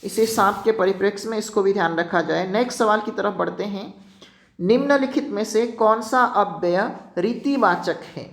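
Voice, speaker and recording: A man's voice: high-pitched, moderate pace, creaky. A man teaching an exam-prep lesson, often checking in with students and reminding them to keep points in mind.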